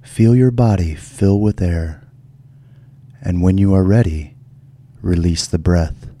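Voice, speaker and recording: Man, guided relaxation, gentle soft delivery, dark warm tone, slow pacing. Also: low-pitched. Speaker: show host.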